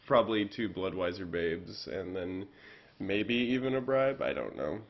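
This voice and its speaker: A man's voice: low voice, expressive, unhurried. A man doing casual play-by-play commentary on a video game, rambling and correcting himself with fillers. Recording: dull lo-fi audio.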